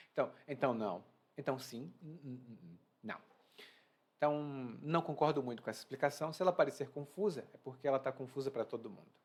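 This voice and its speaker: A man's voice: mid-range voice, a little fast, husky. A man with a Brazilian accent, a Portuguese teacher explaining a reading to learners and acting out quoted phrases, talking at home. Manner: animated, acts out quoted phrases. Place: at home indoors.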